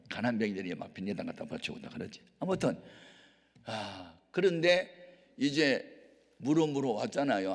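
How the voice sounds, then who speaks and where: A man pastor preaching a sermon, telling the story dramatically with emphatic swings from low talk to shouts, at a prayer retreat hall. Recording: reverberant hall.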